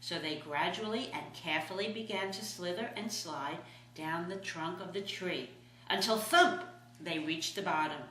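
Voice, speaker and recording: A woman's voice: fairly low pitch, moderate pace, bright, forceful tone, a little hiss or hum. A sweet older woman, a grandmother, reading a children's storybook aloud expressively. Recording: echoey room.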